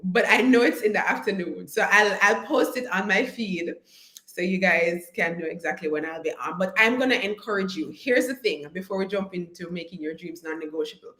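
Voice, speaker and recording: A woman, hoarse after an illness, talks casually to viewers on her live stream and greets them by name as she coaches. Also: lowish voice, fairly quick, bright, forceful tone. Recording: roomy echo.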